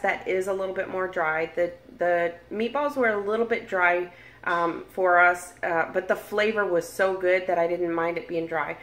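In a low-ish, fairly bright voice, a forties-aged cooking vlogger casually walks viewers through making and tasting a meal in her home kitchen, talking to them directly. A camera at arm's length picks up her chatty voice along with echo and sizzling.

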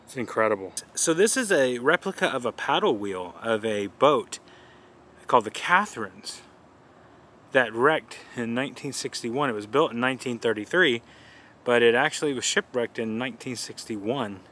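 Man, casual travel vlog, mid-pitched, easygoing and enthusiastic, outdoor camera mic, faint background noise. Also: animated, normal speed, fairly bright tone. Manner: easygoing, enthusiastic tour commentary. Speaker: vlogger. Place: outdoors by a river walk.

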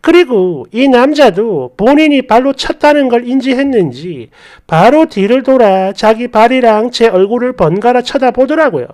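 A woman narrating a reader's story in a lively, indignant storytelling manner. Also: fairly high pitch, moderate pace.

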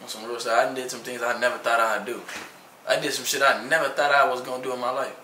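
A man's voice: mid-range voice, little pitch movement, fast, sharp tone, a little hiss or hum. Young man, laid-back slangy studio banter. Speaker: rapper in the studio. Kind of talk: casual studio chat. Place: echoey recording studio. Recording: roomy, distant, music playing.

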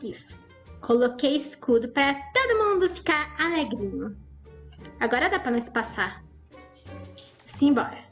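A woman's voice: sits high, sing-song, normal speed, lo-fi sound, soft background music. A woman giving chatty, exclaiming commentary over her Roblox gameplay and talking straight to her viewers. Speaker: gaming YouTuber.

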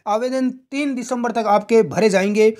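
A man acting as a coaching teacher hosts an informal exam news update, addressing students directly and throwing out rhetorical questions. His voice is very high-pitched with a darkish tone, delivered at normal speed.

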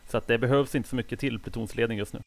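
A man on casual gaming voice chat, relaxed and laughing easily as he explains the team's plan. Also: mid-range voice, vocal fry.

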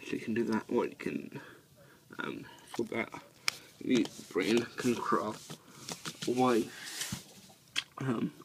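A man giving a casual toy review, talking haltingly with many ums and restarts while he handles pieces. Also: medium pitch, noisy background.

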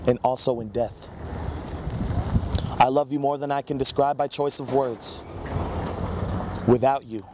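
Man reciting spoken word, flat delivery. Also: medium pitch, background noise. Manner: steady, measured recitation read from paper. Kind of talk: spoken word poetry reading. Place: outdoors on a campus plaza.

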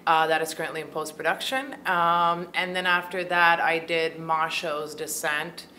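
A Croatian woman in her thirties, a filmmaker and actor, chats through interview questions with lots of fillers in a small room at a film festival, speaking into a handheld mic held by the interviewer. Her low voice barely moves in pitch, comes at a normal speed, and sounds pushed and bright, with slight background noise.

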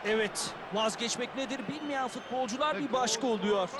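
Football game pundit: high voice, conversational and opinionated color commentary, noisy stadium bed. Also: male voice, moderate pace. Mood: engaged, analytical. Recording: stadium noise behind.

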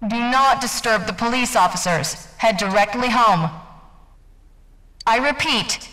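A female school announcer comes over the intercom. Her fairly high voice rings out through a loudspeaker with a long, echoing reverb, and she delivers orders in a formal, measured way. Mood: urgent calm. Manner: formal, calm and instructive. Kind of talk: video game voice acting.

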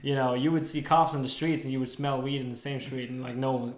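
A man's voice: mid-range voice, quick pace. A young man from Sweden, casually chatting at a table as a podcast co-host, often repeating words as he gets going. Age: young adult. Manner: animated, repeats words when starting sentences. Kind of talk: casual chat. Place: living room at a table. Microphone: desk mic. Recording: roomy echo.

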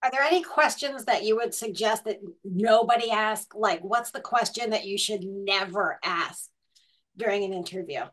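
A woman's voice: mid-range voice, normal speed, a bit bright. Casual woman hosting a webinar. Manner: casual, prompts with questions. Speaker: webinar host. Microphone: video call.

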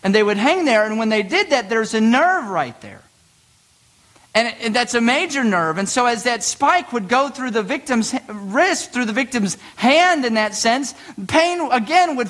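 High-voiced preacher man, emphatic swings. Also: fairly bright tone. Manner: vivid preaching with emphatic, sweeping pitch swings. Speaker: pastor. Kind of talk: sermon. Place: church sanctuary.

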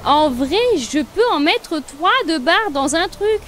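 A woman's voice: high-pitched, animated, slow pace, a little hiss or hum. A woman casually commenting on her gameplay, thinking aloud and chatting to viewers and the game. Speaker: let's play streamer.

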